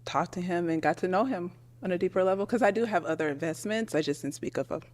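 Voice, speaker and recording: A woman in her forties on a dating show, speaking softly and politely. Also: fairly low pitch, fast talker. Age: 40s. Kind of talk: casual conversation.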